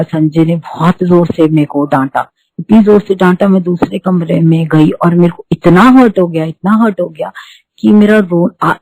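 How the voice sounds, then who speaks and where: A woman's voice: fairly low pitch, a little mellow, no echo, low-quality recording. A middle-aged woman, telling her spiritual testimony earnestly and repeating herself as she goes. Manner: earnest, repetitive storytelling with restarts. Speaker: devotee giving testimony.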